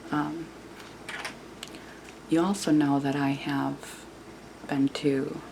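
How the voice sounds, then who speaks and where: Clear background noise surrounds a woman talking quietly and hushed, as if at night beside a sleeper. Her voice is low and creaky, and she offers informal self-help advice to viewers in a halting way, repeating words for emphasis. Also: flat delivery. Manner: hushed, quiet whispering so as not to wake someone. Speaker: video channel host. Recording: clearly noisy room recording.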